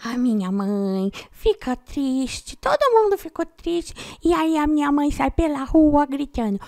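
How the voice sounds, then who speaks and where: A woman from São Paulo voicing her pet male parakeet, a sweet, friendly little bird, talking slowly and playfully. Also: high voice, expressive, darkish tone, no room sound, clean studio sound, pitched below the performer's own voice. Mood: chatty. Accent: Brazilian Portuguese, São Paulo. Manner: slow, playful, childlike storytelling.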